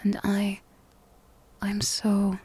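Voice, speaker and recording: Woman, soft ASMR whisper, slow, breathy, even and flat, soothing. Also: mid-range voice, no room sound. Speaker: ASMR roleplay performer. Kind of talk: whispered comfort roleplay ASMR.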